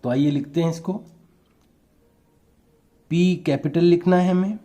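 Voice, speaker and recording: A man teaching a spelling lesson to young children, spelling words out letter by letter in a patient, deliberate way. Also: a little high, fairly even intonation, warm tone.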